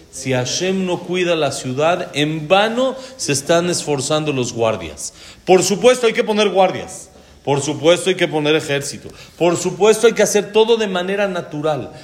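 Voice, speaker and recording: A man, giving a religious lecture as a rabbi, who explains verses slowly, translates them and adds touches of humor. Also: high-pitched. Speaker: rabbi teaching a class.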